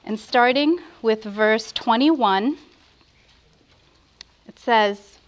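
Brief: woman preacher at a pulpit microphone, measured and reverent, slightly high pitch. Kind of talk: sermon with prayer and scripture.

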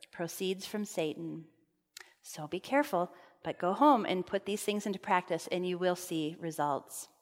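A woman giving a conversational sermon at a camp meeting, earnest and personal, telling stories with fillers. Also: mid-range voice. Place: meeting hall. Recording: long reverb of a large hall.

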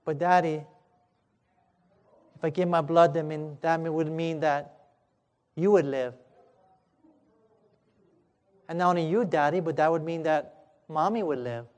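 A gentle, earnest little boy, hushed and pleading, as a preacher puts him on. The voice is quiet and sits low for the speaker. It carries a long echo, as if heard in a big hall. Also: fairly quick, natural voice. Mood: tender. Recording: echoey hall.

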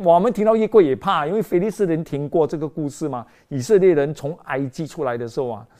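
A woman preaching a sermon in an animated storytelling way, acting out voices and dropping in English phrases. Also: low voice, fast.

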